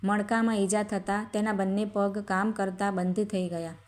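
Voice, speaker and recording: A woman narrating a moral story in a steady, measured storytelling way. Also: medium pitch.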